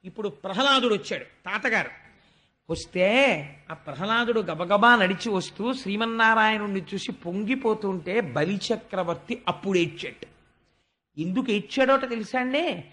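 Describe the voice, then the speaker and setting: High-pitched man, Telugu accent, devotional storyteller who recites verse and voices the characters. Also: moderate pace, sharp tone. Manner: recites verses then explains them, voices characters' pleas. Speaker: religious discourse speaker.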